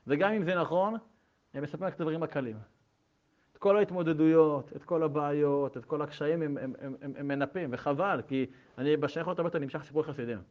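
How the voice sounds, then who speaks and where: A middle-aged man, a rabbi, teaching a Torah lesson with stories to listeners in a room. He speaks animatedly, often restarts, and swings between loud and soft. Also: on the high side. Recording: dull lo-fi recording.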